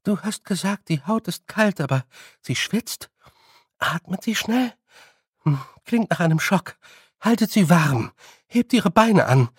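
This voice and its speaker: A man voicing a weary older woman who murmurs slowly and sounds half faint. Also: sits high, animated, slightly rough, no echo, clean studio sound, voice pushed up, full character voice. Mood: dazed.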